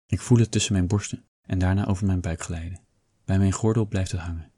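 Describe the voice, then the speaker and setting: A man reading a first-person novel aloud in a calm, steady storytelling manner. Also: low-pitched, brisk, breathy edge, no echo. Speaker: audiobook reader.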